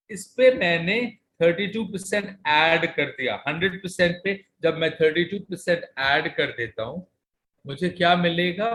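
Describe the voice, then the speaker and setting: A man's voice: on the high side, fairly bright tone, rough recording. A man with a North Indian accent teaching an online maths class, explaining step by step and checking understanding as he goes. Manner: switches between Hindi and English, asks check questions.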